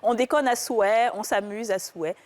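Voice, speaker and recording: A woman's voice: mid-range voice, moderate pace. A woman hosting a TV talk show in a playful, laughing way.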